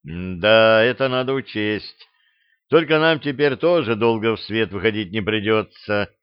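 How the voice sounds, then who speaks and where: A man voicing a blunt, rough-spoken gang leader, in an ordinary middle voice, on a slightly dull recording. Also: on the low side, lively intonation, measured pace, no room sound. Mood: rueful. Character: blunt male gang leader, gruff and easygoing.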